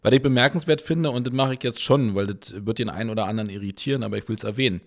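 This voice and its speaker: A man hosts a relaxed interview in a fairly low voice. He keeps stopping on filler sounds and rephrases as he thinks aloud. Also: very fast. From Berlin. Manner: hesitant, many filler sounds. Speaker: podcast host. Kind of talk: casual interview chat.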